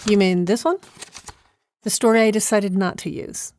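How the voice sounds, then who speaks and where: In an audio drama, a woman plays herself as a podcast creator and host, talking informally in a hesitant, conversational, wry way. Her voice is medium-pitched and darkish, with fairly even intonation and normal speed, over a little hiss or hum.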